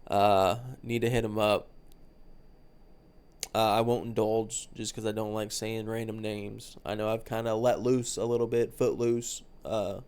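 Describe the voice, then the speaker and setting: A man's voice: on the low side, level tone, measured pace, darkish tone, clear, resonant tone. A man hosting a solo podcast, talking in a rambling, laid-back way with plenty of swearing, his nose stuffed up. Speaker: podcast host. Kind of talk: solo casual chat.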